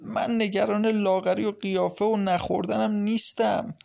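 A man's voice: high-pitched, flat delivery, vocal fry, a little mellow, pitched above the performer's own voice. A man voicing Maryam, a worried young wife. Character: anxious young pregnant wife, queasy.

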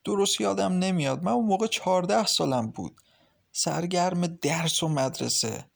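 A man voicing an anxious, queasy young pregnant wife who speaks softly and hesitantly in an audiobook. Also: high voice, vocal fry, pitched above the performer's own voice, full character voice. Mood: worried.

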